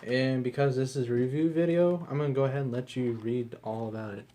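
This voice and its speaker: A man's voice: mid-range voice, fairly even intonation, quick pace, warm tone, a little hiss or hum. Casual rambling man reviewing gadgets. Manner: loose and rambling, swears casually. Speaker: product reviewer.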